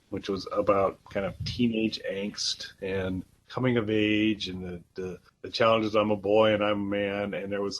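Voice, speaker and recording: A man's voice: on the low side, muffled recording. A man co-hosting a casual album review podcast, talking in a hesitant way with many restarts. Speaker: podcast co-host.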